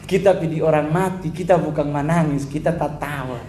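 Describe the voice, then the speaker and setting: Manado-accented guy preaching, jokey stories, fairly high voice, echoey room. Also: brisk, a little hiss or hum. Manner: animated storytelling, mimics other voices. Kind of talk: humorous sermon with anecdotes.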